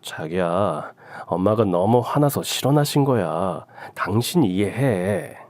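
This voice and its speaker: A man's voice: low voice, lively intonation, slow pace, a little mellow, no room sound. A man playing a wheedling, placating husband. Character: soothing, evasive young husband. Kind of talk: radio drama acting.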